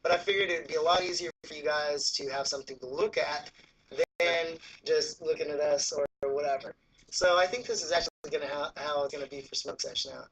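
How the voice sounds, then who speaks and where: A man's voice: on the high side, steady tone, a little fast, fairly bright tone, poor audio. A man hosting a casual smoking show, talking like a crude, slangy stoner. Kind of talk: casual chat. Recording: noticeable background noise.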